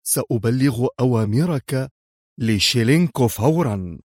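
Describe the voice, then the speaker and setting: A man's voice: medium pitch, lively intonation, measured pace, darkish tone, dry recording, studio quality. A man reading a storybook voices an anxious female spy who answers her boss in a worried, nervous way. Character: anxious, tense female spy, loyal aide.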